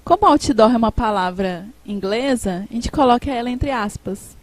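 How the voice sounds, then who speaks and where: A Brazilian woman teacher reading a lesson, acting out each example sentence and then naming the punctuation mark in a flat voice. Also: on the high side, normal speed. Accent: Brazilian Portuguese. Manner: reads examples with acted intonation, then names the punctuation mark flatly.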